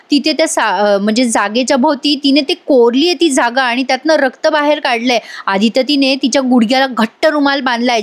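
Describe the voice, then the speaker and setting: A woman giving a casual voice-over review of a TV serial episode, chatting and talking straight to her viewers. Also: sits high. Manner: chatty, addresses viewers directly.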